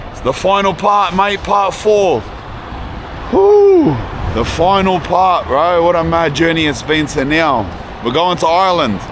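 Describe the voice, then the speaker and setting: A man's voice: on the high side, fairly bright tone, a little hiss or hum. A young Australian man talking casually to the camera in a travel vlog, rambling with lots of fillers and restarts. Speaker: travel vlogger.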